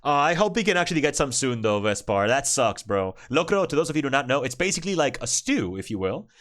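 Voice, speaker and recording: A man's voice: medium pitch, very animated, fast, a bit bright. A man from Argentina, chatting casually and playfully with his stream chat and swearing freely.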